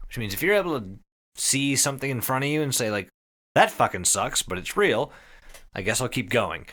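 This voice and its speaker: This podcast host, a man with a mid-range, bright and forceful voice, casually recaps an internet horror story. He swears freely, leans on emphatic phrasing, and drops wry asides along the way.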